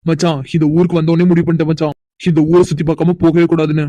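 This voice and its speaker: A man's voice: fairly high pitch, little pitch movement, rapid-fire, warm tone, no room sound, natural voice. A man voicing an eager young city man in a cartoon, who coaxes his cousin into asking for more time. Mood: coaxing. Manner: coaxing, persuasive. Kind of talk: cartoon voice acting.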